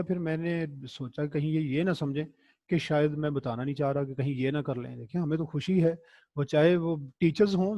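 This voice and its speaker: A man's voice: a little high, dry recording, lo-fi sound. A middle-aged man, giving a recorded lecture in a conversational, encouraging way and telling anecdotes. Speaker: teacher.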